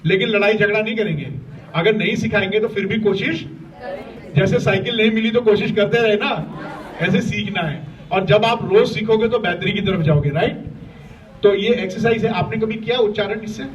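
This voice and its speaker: Brisk and high-voiced, this man runs an interactive session for schoolchildren as a workshop facilitator, frequently checking on the class and offering praise. The mic is distant and dull, catching faint room noise.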